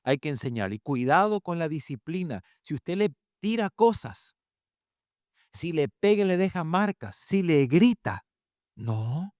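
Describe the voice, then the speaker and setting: Animated man preaching on a stage. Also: fairly high pitch, measured pace, no echo, clean studio sound. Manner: animated storytelling, acts out quotes. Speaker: pastor and family speaker. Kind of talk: sermon.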